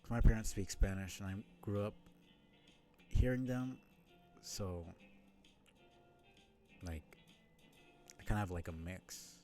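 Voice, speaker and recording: Low-voiced man rambling over a game. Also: takes it slowly, long pauses, warm tone, soft background music. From New York City. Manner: rambling, thinking aloud, many fillers. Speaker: streamer. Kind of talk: let's-play commentary.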